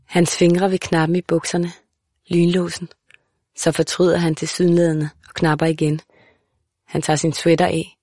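A woman narrating a literary audiobook in a calm, measured, even way. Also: lowish voice, dry recording, clean studio sound.

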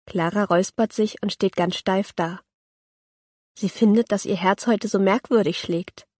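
Woman reading a kids' audiobook, calm and clear, mid pitch, dry close mic. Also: unhurried, no room sound. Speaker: narrator.

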